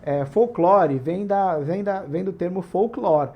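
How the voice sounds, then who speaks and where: A man's voice: sits high, slow, lo-fi sound. Brazilian guy rambling through rpg rules, laid back, keeps tacking "né?" onto everything. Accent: Brazilian Portuguese. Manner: chatty, digressive, constant "né?" and "tá?" tag questions. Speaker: tabletop RPG channel host. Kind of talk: casual rules explanation.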